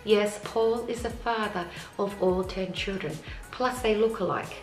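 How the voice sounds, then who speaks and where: A woman, speaking at an ordinary pitch in a casual vlog. She reads each question aloud, then answers it plainly and matter-of-factly. The room is echoey, with faint music playing underneath. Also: measured pace. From Australia. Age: 40s. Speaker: family vlogger. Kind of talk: casual Q&A to camera. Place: family home with children nearby.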